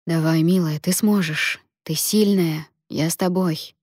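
A calm, wry young man speaks in a soothing, steady lowish voice. A woman narrator voices him. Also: a little slow, dry recording, studio quality.

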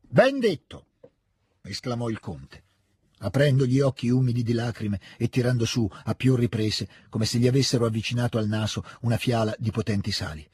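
A male narrator reads a classic novel in a measured, expressive way. His voice is very husky and breathy. The recording is close and completely dry. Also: medium pitch, dry recording. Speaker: audiobook narrator. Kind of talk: literary audiobook reading.

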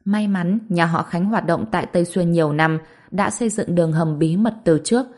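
A woman reading a serialized story as narrator, in a steady, even scripted delivery. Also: on the low side, a little fast.

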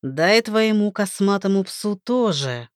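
A woman's voice: mid-range voice, expressive, measured pace, no echo, clean studio sound, close to an everyday voice. A woman voicing an arrogant, cruel male rain god who speaks with contempt and menace. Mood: contemptuous.

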